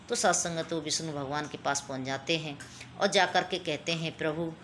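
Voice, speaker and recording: A woman's voice: low-pitched, fairly bright tone, a little hiss or hum. A woman giving a devotional talk to a congregation, telling a religious story and addressing her listeners again and again. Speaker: satsang speaker.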